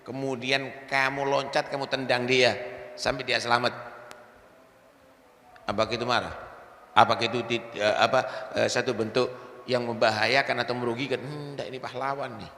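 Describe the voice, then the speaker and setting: A man preaching, his voice bright and gravelly as it leaps up and down in animated bursts. He keeps checking that the listeners follow him. The recording carries the long echo of a large hall with faint ambience behind. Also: medium pitch, moderate pace, pauses often. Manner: animated preaching, mixes in Javanese words, asks "paham ya?". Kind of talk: sermon.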